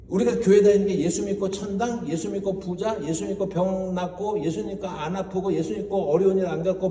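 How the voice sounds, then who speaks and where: A male pastor giving an animated sermon in a church, questioning his congregation and mimicking voices as he goes. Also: fairly high pitch. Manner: animated preaching, mocking quoted voices, asks the congregation questions. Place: church sanctuary. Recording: roomy hall, voice from far off.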